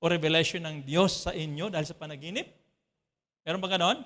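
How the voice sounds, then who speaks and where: Male pastor from the Philippines, high bright voice, chatty sermon delivery that checks in with the congregation. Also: a little fast. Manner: conversational preaching with frequent "ano po" checks to the congregation. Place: church.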